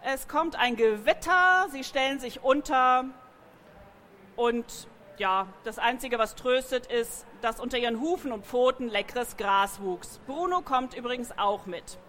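A woman reading a children's animal story aloud in a lively way, adding sound effects. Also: a little high, a little slow.

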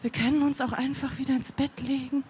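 A woman voicing procrastination as a fat, lazy, clingy man who talks softly and coaxingly. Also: high-pitched, flat delivery, brisk, natural voice. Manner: coaxing, soft and sluggish.

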